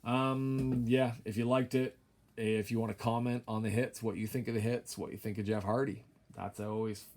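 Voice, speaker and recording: A man's voice: lowish voice, level tone, moderate pace, a little mellow. A tired man casually commentating a trading card break at night, droning and mumbling with wry, rambling asides. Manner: wry, rambling, self-deprecating. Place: home room at night.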